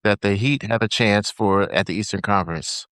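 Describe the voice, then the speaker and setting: A man's voice: on the low side, moderate pace, a bit bright, no echo, clean studio sound. A man co-hosting a casual sports podcast over a video call, asking questions and listing names. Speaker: podcast co-host.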